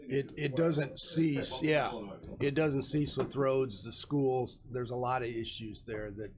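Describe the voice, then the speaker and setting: A man's voice: mid-range voice, fairly even intonation, slow, crowd noise. A man chairing a public meeting with brief, informal remarks. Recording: noisy meeting room ambience.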